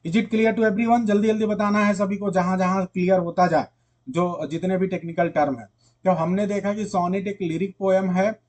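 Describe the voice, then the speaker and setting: A male teacher lectures on poetry for exam preparation. His voice sits a little high for a man. He goes over each point more than once and keeps testing the class with questions he then answers himself. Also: darkish tone. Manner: explains patiently, repeats points, quizzes students with rhetorical questions. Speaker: literature teacher. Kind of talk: online exam-prep lecture.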